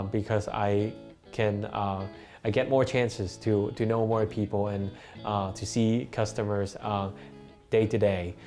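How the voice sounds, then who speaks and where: His voice is lowish with a somewhat dark tone: a young adult from Hong Kong, Cantonese his native tongue, who both studies and works at a bakery. Sitting for a documentary interview in the bakery's kitchen, he reflects carefully and uses plenty of fillers.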